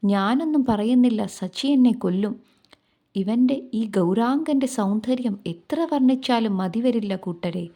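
An excited village neighbor woman, as a woman narrator puts her on marvels aloud in a devotional story. Her speech is eager and full of wonder. The voice stays warm and mellow. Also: on the high side, unhurried. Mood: admiring.

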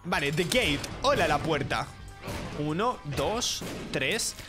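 A man's voice: on the high side, lively intonation, takes it slowly, music in the background. A man giving playful, theatrical gameplay commentary and talking to the characters in the game. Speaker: gaming YouTuber.

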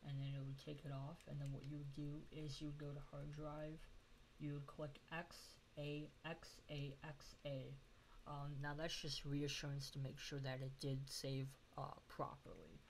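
Casting: male tutorial host, congested broken-nose sound, little pitch movement, informal and halting, faint noise on a home recording. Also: darkish tone. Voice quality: nasal, congested as after nose surgery. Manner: hesitant, informal explaining. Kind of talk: casual screen-recorded tech tutorial. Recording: noisy home screen recording.

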